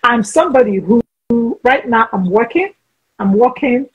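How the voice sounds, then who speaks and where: Over faint background music and lo-fi sound, a woman in her forties hosts a casual video-call interview. Her fairly high voice is animated with a breathy edge at a normal speed, and she chats frankly, frequently restarting as she talks over herself.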